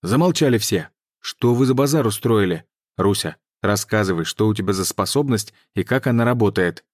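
A man voicing a brusque young male hero who barks loud orders in an audiobook. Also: fairly low pitch, animated, moderate pace, no echo, clean studio sound. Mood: commanding. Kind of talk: audiobook reading.

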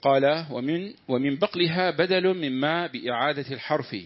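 Man, student reading a text aloud in class, measured delivery, muffled lo-fi recording. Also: on the high side. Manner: measured reading, pausing for the teacher's comments. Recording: dull lo-fi lesson recording.

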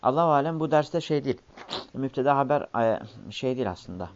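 A man's voice: medium pitch, animated, fairly quick. Male Arabic teacher on muffled, noisy old tape. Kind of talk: interactive language lesson, explaining and correcting. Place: recorded class session with a board.

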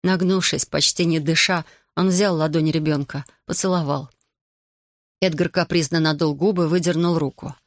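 An audiobook narrator reading a novel in a steady, even storytelling manner. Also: medium pitch, normal speed, dry recording, clean studio sound. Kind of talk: scripted narration.

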